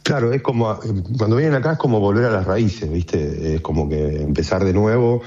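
An Argentine man speaking in a relaxed, conversational way in a radio interview, with frequent fillers. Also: fairly low pitch, moderate pace, muffled recording, slight background noise. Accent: Argentine Spanish.

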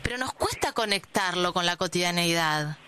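A woman's voice: fairly low pitch, animated, normal speed, sharp tone, clean tone. A woman with an Argentine Rioplatense accent hosting a conversational radio show, reflective and informal, searching for her words. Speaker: radio host. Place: radio studio.

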